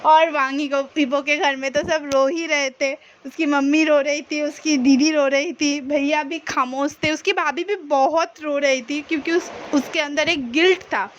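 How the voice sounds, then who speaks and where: A woman's voice: high-pitched, steady tone, a little slow, few pauses, highs cut off, a little hiss or hum. A woman casually retelling a fan-fiction story in a chatty, colloquial way, with many fillers. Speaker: story narrator.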